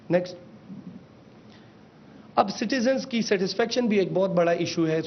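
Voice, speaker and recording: A high-pitched man walks the press through a slide briefing in a measured official tone and slips in English phrases. The recording is dull and lo-fi, with a faint rumble underneath. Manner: mixes in English phrases, calls out slide changes. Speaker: government official presenting a system.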